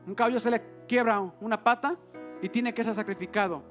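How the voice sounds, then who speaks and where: A Mexican pastor with a very high voice delivers a sermon. He sinks to near-whispers, then climbs to shouted calls. Soft music plays faintly behind him. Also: steady tone, fairly quick. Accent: Mexican Spanish. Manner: swings from hushed murmurs to shouted exhortation.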